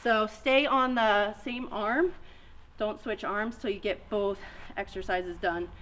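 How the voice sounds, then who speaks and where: A woman's voice: mid-range voice, fairly even intonation, slow, a bit bright, a little hiss or hum. A woman in her thirties coaching a dumbbell workout, cueing each move step by step and a little out of breath. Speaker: fitness coach. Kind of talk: workout instruction.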